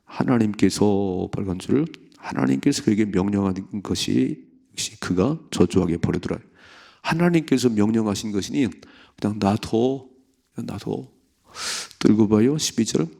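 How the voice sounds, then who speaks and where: A man, a pastor from South Korea, giving an early morning prayer sermon, reading scripture and acting out the story's voices in an animated way. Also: lowish voice, moderate pace, gravelly.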